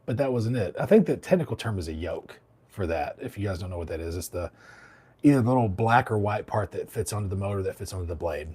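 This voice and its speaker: A man's voice: deep voice, animated, fast talker, a little mellow, slightly rough. A man from Alabama, hosting a barber livestream, chatting casually and reading out comments while a bit under the weather. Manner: rambling, laid-back, many fillers and restarts.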